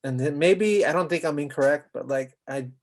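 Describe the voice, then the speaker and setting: A man's voice: a little high, moderate pace. A man from Southern California co-hosting a podcast, talking bluntly and swearing freely. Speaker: podcast co-host. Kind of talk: casual podcast chat.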